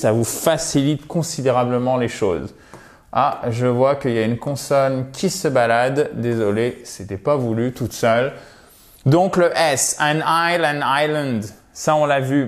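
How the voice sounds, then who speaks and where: A man whose first language is French teaches pronunciation in an unhurried way, at a middle pitch. He says each word several times over and breaks it down for his learners. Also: a little mellow. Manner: slow, repeats words to drill pronunciation. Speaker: English teacher. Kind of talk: pronunciation lesson.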